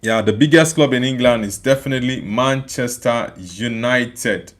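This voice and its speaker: A young man from Nigeria, speaking at normal speed in a mid-range voice, streams a live football watchalong. Casual and repetitive, he reacts to the match and reads out and chats about viewer comments.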